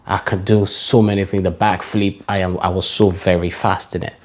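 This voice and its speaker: Deep-voiced Nigerian man reminiscing. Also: little pitch movement, normal speed. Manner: nostalgic, listing names with shout-outs. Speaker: vlogger. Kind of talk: reflective personal vlog.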